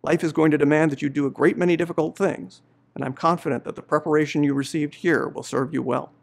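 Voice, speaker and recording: Gravelly man giving a formal address. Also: a little high, steady tone. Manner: measured, earnest speech. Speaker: law professor giving faculty greetings. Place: indoor studio before a university banner.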